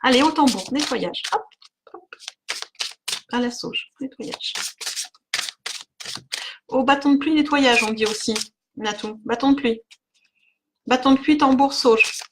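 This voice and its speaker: A woman's voice: high voice, measured pace, long pauses, background noise. A woman giving an oracle card reading on a live stream, chatting with viewers by name, with lots of fillers and little laughs.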